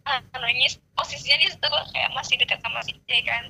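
A woman's voice: high-pitched, steady tone, fast, vocal fry, sharp tone, a little hiss or hum, low-quality recording. A young woman telling a story in casual, slangy chat and swearing now and then.

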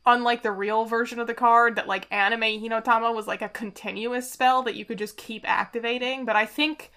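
A woman co-hosting a podcast, chatting casually and musing out loud with frequent asides. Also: fairly high pitch, steady tone, a little fast. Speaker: podcast co-host.

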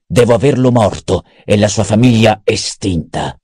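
A man voicing a cruel, mocking old baron in an audiobook, gruff and menacing. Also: lowish voice, expressive, normal speed, warm tone, no echo, clean studio sound. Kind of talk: audiobook character voice.

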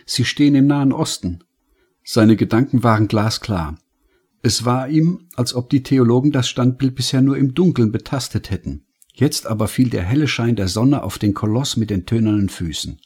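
A man narrating an audiobook in a calm, measured storytelling manner. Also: medium pitch, slightly rough. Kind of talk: scripted narration.

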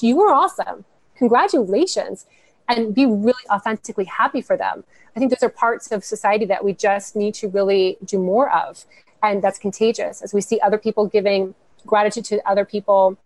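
A woman's voice: mid-range voice, no echo. Upbeat woman guest on a dry mic. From United States, Cuban family. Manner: earnest, upbeat, talks in long flowing answers. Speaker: guest, founder of a women's network. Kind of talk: podcast interview.

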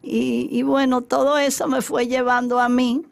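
A middle-aged or older woman from the Dominican Republic, speaking with a Dominican Spanish accent, tells her story emphatically as an interview guest. She once represented her country in China and acts out remembered exchanges. Her voice is high and creaky, with a level tone and moderate pace.

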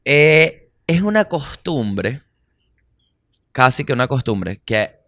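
A man with a Venezuelan accent hosting a casual comedy podcast, animated, slangy and profane. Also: mid-range voice, slow. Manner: animated, slangy and profane, acts out little voices. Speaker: podcast host.

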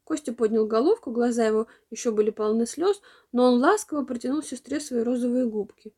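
A woman narrating a children's storybook in an expressive reading voice. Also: on the high side, fairly quick, husky.

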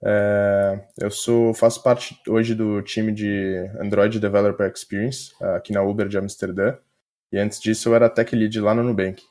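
A man with a Brazilian Portuguese accent, a software developer chatting casually as a podcast guest. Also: fairly low pitch, little pitch movement, unhurried. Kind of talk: casual conversational interview answers.

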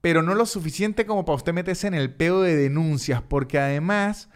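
Venezuelan guy podcast host, slightly high voice, animated storytelling, acts out the voices. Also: moderate pace, clean tone. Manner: animated, repeats words for comic effect, acts out quoted voices. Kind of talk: casual storytelling monologue.

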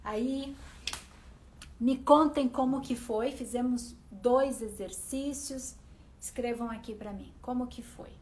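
A woman's voice: a little high, slow pace, darkish tone. A woman with a Brazilian accent leading motivational guided relaxation and talk on a live stream, encouraging and repeating phrases for emphasis. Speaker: host and guided meditation leader.

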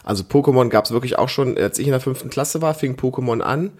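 With a quick pace and a mid-range, slightly mellow voice, a father in his thirties co-hosts a family podcast alongside a child. He chats casually, keeps his explanations simple and asks questions to draw the child out.

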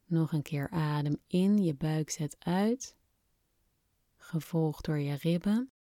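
A woman softly and soothingly guiding a breathing exercise in calm, unhurried scripted instructions, slightly breathy at times. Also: sits low, no room sound, studio quality. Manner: soft, soothing, unhurried instruction with long pauses. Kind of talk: guided relaxation exercise, scripted narration.

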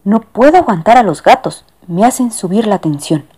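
Woman doing a grumbling hypochondriac gentleman. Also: mid-range voice, lively intonation, normal speed, breathy edge. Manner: complaining, indignant. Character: grumpy hypochondriac businessman, older male.

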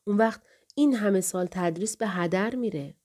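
A woman reading the part of a revered older male scholar in an audiobook, speaking softly and slowly with a kindly, grieving manner. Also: medium pitch, natural voice. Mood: wistful.

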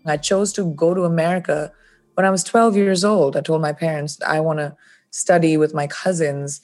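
A woman's voice: sits low, steady tone, moderate pace, a little mellow, faint music behind. A woman from India, a guest in an interview, telling stories from her life in a reflective way. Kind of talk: interview conversation.

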